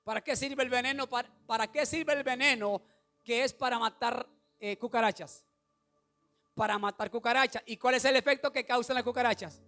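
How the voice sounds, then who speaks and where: A male pastor preaches with a strikingly high voice, asking his congregation questions and building up to shouted lines. Faint music plays behind him. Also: steady tone, moderate pace. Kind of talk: sermon.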